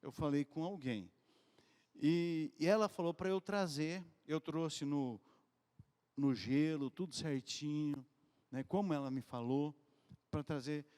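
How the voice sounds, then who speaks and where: A man preaching a sermon in a conversational, animated storytelling way, from Brazil. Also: fairly high pitch, slow pace, clear, resonant tone, in a large hall. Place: church hall.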